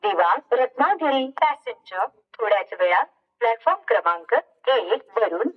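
Woman announcer, formal and measured, sing-song delivery over a muffled outdoor station loudspeaker heard from afar. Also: fairly high pitch, lively intonation, recorded from a distance. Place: outdoor railway platform.

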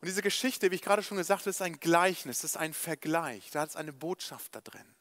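A man preaching in a church, telling a parable with animated storytelling and speaking straight to his listeners. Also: a little high, brisk. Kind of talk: evangelistic sermon storytelling.

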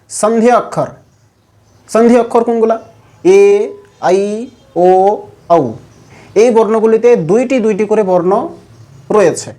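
A man with a Bengali accent teaching Sanskrit pronunciation in a measured lesson, slowing down to recite rules. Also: high-pitched, dark tone. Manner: measured, chants sutras slowly. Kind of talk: explanatory lesson.

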